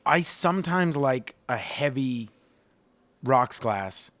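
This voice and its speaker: A man hosting a podcast, talking in a relaxed, chatty way full of fillers. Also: medium pitch, slow pace, dry recording. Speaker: podcast host. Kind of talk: casual podcast interview.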